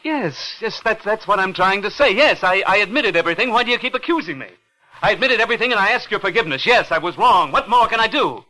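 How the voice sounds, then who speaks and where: A stammering, pleading young ex-soldier. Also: male voice, sits high, expressive, fast talker, sharp tone. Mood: anguished. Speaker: narrator and lead of a radio drama. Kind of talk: 1940s radio acting. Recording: old radio broadcast with music.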